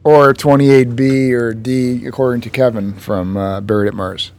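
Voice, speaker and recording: A man's voice: medium pitch, fairly even intonation, moderate pace, a little mellow. A man hosting a podcast in loose, joking casual chat, swearing now and then. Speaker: podcast host.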